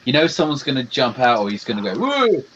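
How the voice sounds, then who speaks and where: A man's voice: mid-range voice, quick pace, heavy background noise. A man co-hosting a movie reaction video, chatting casually and animatedly, retelling scenes and swearing freely, with slightly muffled audio.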